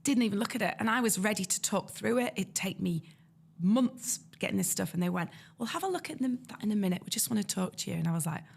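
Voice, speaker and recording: North east english lady telling stories in an interview, does all the voices, bit raspy with some fry. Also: mid-range voice, fast talker. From North East England. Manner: lively, acts out quoted voices. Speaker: guest illustrator. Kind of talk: casual interview storytelling.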